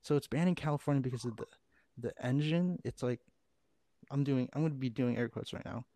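A man's voice: mid-range voice, fairly quick, dark tone, no echo. Exasperated young man ranting on a podcast. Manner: rambling, exasperated, stumbles and restarts. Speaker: podcast host. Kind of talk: casual podcast chat.

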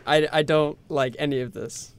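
Male panelist, higher pitch, argumentative, casual debate full of rhetorical questions. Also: fairly even intonation, moderate pace, smooth, dry recording. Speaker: podcast panelist.

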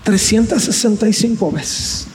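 High-voiced man preaching with passion. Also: unhurried, darkish tone, a little hiss or hum. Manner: impassioned, repetitive preaching with rhetorical questions. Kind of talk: sermon. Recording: faint music behind.

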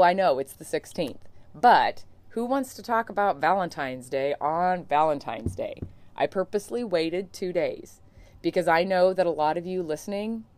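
A woman's voice: deep voice, a little mellow, no room sound. A woman hosting her own podcast as a coach, talking straight to listeners in an earnest, encouraging, conversational way. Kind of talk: solo podcast monologue.

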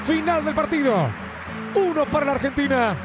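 A man's voice sped up like fast-forwarded tape, making a comic announcement in a high, chipmunk-like squeak. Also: over music. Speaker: podcast co-host.

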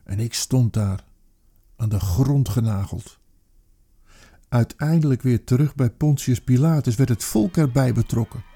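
A man performing an intense dramatic monologue, with slow deliberate pauses and emphatic stresses. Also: mid-range voice. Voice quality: gravelly, husky, dark. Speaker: narrator.

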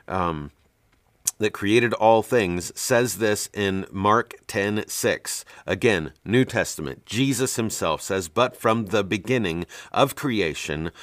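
A man's voice: lowish voice, no room sound. A man hosting a Bible teaching show, speaking bluntly and with emphasis, reading scripture aloud with frequent fillers and restarts.

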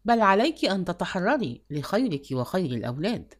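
Woman doing a pushy sweet-talking suitor guy, lower voice, storybook reading. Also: sing-song, a little fast. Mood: coaxing. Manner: coaxing, insistent. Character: persistent middle-aged male suitor, smooth-talking.

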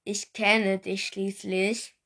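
A woman's voice: medium pitch, level tone, very slow, fairly bright tone, exaggerated voice. A woman voicing a bossy twelve-year-old boy who snaps accusingly at his little brother, in a read-aloud storybook. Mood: angry. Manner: snapping, accusing.

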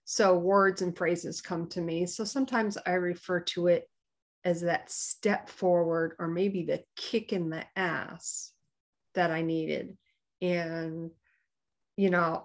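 A woman co-hosting a morning livestream, chatting casually in a reflective, halting way. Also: lowish voice. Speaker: co-host of a sisters' morning livestream. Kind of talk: casual chat.

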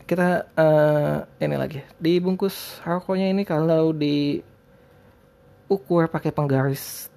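Lisping man, higher-pitched casual podcaster. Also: gravelly, dark tone. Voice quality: lisped r sounds (cadel). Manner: rambling, hesitant, informal. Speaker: podcast host. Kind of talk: casual solo podcast talk.

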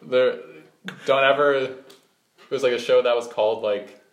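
A young man co-hosting a podcast in relaxed, casual chat, full of "like" and "bro". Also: medium pitch, moderate pace. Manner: laid-back, casual, says "bro" and "like". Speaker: podcast co-host. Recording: echoey room, faint noise.

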